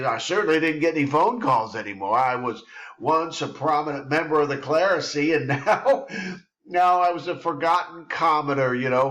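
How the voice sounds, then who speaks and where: A man's voice: mid-range voice, fairly bright tone, dull audio. A middle-aged man hosting a reflective monologue, talking expansively and stringing together long runs of verbs. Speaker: host.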